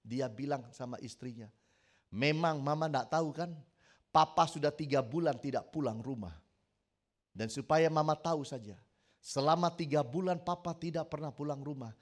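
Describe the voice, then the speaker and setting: A middle-aged pastor from Indonesia preaching a sermon, telling a counseling story and acting out the quoted voices, building to loud emphatic peaks. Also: male voice, on the high side, normal speed.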